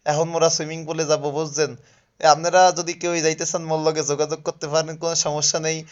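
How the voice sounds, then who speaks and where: A man's voice: fairly high pitch, muffled recording. A man from Barishal with a Barishal accent, casually narrating a travel vlog at a resort, joking and chatty, often checking that listeners follow him. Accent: Barishal dialect of Bengali. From Barishal, Bangladesh. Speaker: vlogger. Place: outdoor resort with swimming pool.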